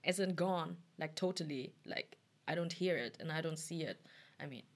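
A young woman in casual chat, loud and playful, often exclaiming and laughing. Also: sits low, moderate pace.

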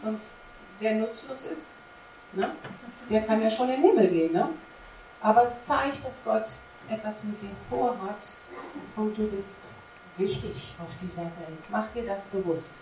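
Captured from afar in a reverberant church room with faint ambience and slight background noise, a woman delivers a sermon packed with rhetorical questions. Her voice is mellow, medium in pitch and a little slow, and she speaks emphatically to the congregation.

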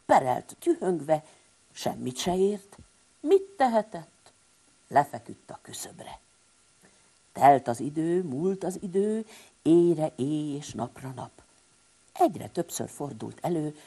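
A woman telling a rhyming bedtime story to children, animated and speaking to them directly. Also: deep voice, slightly rough.

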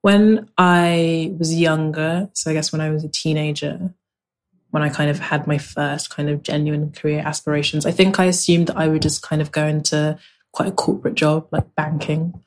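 A young woman born in Nigeria and raised in South London speaks in a low-pitched voice at a moderate pace. She's a writer being interviewed, talking reflectively and relaxed, leaning heavily on fillers like "kind of."

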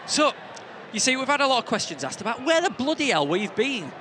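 A man with a Northern English accent hosting a football podcast, deadpan and teasing in casual banter. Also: extremely high pitch, fairly quick, crowd noise. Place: outdoors at a football ground. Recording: noisy outdoor stadium with traffic.

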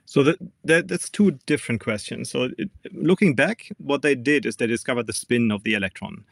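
A man's voice: mid-range voice, fairly quick, creaky, no room sound. Man, German accent, physics professor guest, careful explainer, dry close sound. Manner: careful, explanatory, with frequent ums. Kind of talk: interview explanation.

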